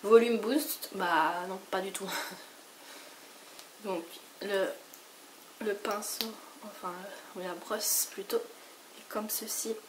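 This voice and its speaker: Hoarse French woman chatting about makeup. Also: mid-range voice, steady tone, extremely slow, long pauses. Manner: rambling, lots of fillers and restarts. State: sick, hoarse voice. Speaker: beauty vlogger. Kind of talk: casual makeup haul chat. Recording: noisy home recording.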